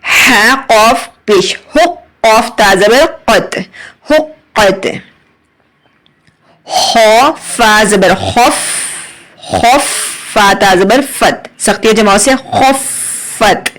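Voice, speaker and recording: A woman's voice: on the high side, extremely slow, a bit bright, low-quality recording. A woman teaching Quran reading with an Urdu accent, spelling out letters and vowel marks and then blending them into words. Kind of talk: slow syllable-by-syllable recitation lesson.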